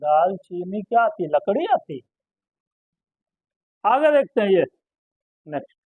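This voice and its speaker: A man's voice: sits high, sing-song, a little slow, husky, dry recording, phone-quality sound. A man giving a chemistry lecture to students, asking questions and then answering them himself and repeating each term. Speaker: chemistry teacher. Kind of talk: classroom lecture.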